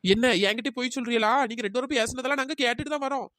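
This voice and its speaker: A woman's voice: a little high, rapid-fire, fairly bright tone, no echo, lightly acted. Cartoon role: prying, bossy older village woman, dry close voice, played by a woman.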